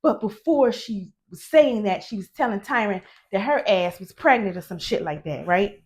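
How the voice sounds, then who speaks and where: A middle-aged woman giving a casual, profane movie recap, animated and laughing often. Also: medium pitch, moderate pace. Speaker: movie reviewer.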